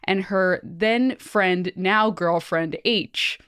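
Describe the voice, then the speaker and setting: A woman co-hosting a podcast, retelling listener ghost stories in an animated, joking way. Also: fairly low pitch, extremely slow, smooth, no echo, studio quality. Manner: animated, swears and laughs. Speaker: podcast co-host. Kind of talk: casual podcast chat, reading listener stories.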